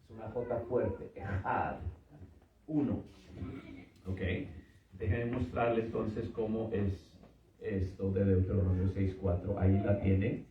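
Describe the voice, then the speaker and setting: A man's voice: on the low side, flat delivery, a little slow, slight background noise. A middle-aged man teaching a church seminar, patiently repeating words and checking in with his listeners. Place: church hall with audience. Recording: echoey hall from far off, dull.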